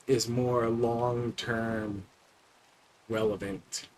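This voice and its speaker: A man streaming a video game, talking his way through menus and crafting in an unhurried, rambling way. His pitch sits in an ordinary middle range, and he fills pauses with plenty of ums and uhs. A faint hum of noise sits under the voice. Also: level tone, darkish tone, poor audio. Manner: rambling, self-talking with frequent fillers. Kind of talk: casual gameplay commentary.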